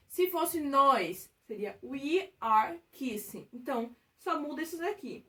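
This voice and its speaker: A woman's voice: high-pitched, recorded from a distance. A woman teaching a recorded grammar lesson, explaining step by step and checking in with the listener often. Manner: patient, step-by-step explaining with frequent check-ins. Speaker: English teacher.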